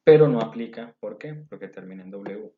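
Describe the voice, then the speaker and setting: A man giving a recorded English grammar lesson, explaining rules slowly and step by step. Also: fairly low pitch, expressive, a little hiss or hum. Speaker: English teacher. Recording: dull lo-fi audio.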